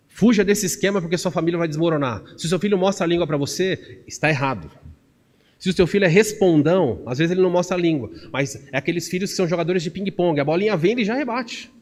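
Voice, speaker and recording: Animated preacher in a reverberant church. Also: male voice, fairly high pitch. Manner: animated storytelling, acting out quoted voices. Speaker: pastor. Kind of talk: sermon.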